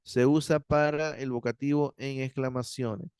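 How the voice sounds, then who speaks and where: Clear, dry-voiced male Greek teacher. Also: medium pitch, steady tone, a little mellow, dry recording. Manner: explanatory, frequent "¿ya?" and "¿no?" checks; spells out endings and Greek words slowly. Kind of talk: university Greek grammar lecture.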